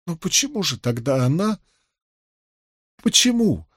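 Guy doing a tipsy young noble girl, proud, husky, pitch jumps around. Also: expressive, moderate pace, no room sound, studio quality, natural voice. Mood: tearful.

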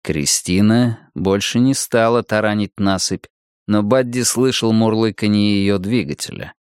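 A man narrating a horror story in a dramatic, tense reading that drops to hushed tones and rises with alarm. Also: lowish voice, a little slow, smooth, dry recording, clean studio sound. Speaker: audiobook narrator.

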